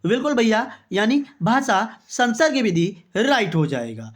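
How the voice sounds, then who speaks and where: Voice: medium pitch, sing-song, a little slow. Online exam-coaching teacher, quiz-style lesson, chatty, reads the options as questions, keeps saying "okay, exactly". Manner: chatty, calls viewers brother and friends; fills with "okay, exactly" between answers.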